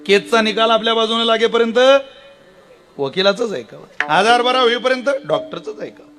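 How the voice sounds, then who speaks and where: A man preaching a kirtan sermon, telling a story and acting out its characters with sudden loud outbursts. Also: high-pitched, moderate pace, soft background music.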